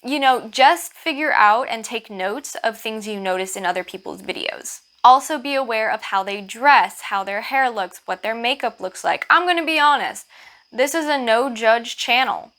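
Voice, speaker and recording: Bright-voiced woman with a slight lisp from a retainer. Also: on the high side, lively intonation, normal speed. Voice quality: lisp from wearing orthodontic aligners or a retainer. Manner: informal, chatty, self-deprecating. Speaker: vlogger and channel host. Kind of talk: casual advice chat to camera.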